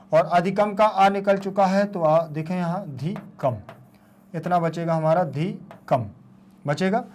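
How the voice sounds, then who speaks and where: A man teaching Sanskrit grammar. He keeps asking his students questions and draws out the Sanskrit terms slowly. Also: fairly high pitch, darkish tone. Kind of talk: board lesson explanation.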